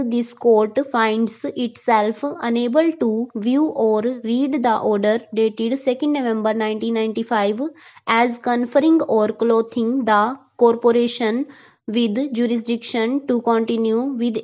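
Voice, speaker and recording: A woman reading a court judgment as steady shorthand dictation, saying each full stop and bracket aloud. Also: fairly high pitch, dull audio. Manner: measured, reads punctuation aloud. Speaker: dictation reader. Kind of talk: legal dictation at a set pace.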